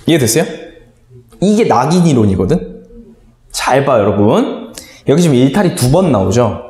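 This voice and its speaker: A man's voice: mid-range voice, big pitch swings, normal speed, dark tone. A man teaching an online lesson, telling a playful story and quizzing his viewers with questions as he goes. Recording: echoey room.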